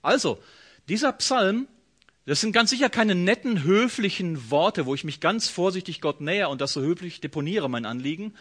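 A man's voice: high voice, moderate pace, slightly rough. A man preaching a sermon, speaking straight to the listener and acting out quoted prayers with feeling. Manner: expressive, acts out quoted voices, direct address. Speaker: pastor.

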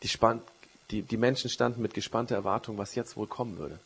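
Husky-voiced man preaching a sermon. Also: lowish voice, fairly quick. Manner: storytelling, dropping to a hush for quoted words.

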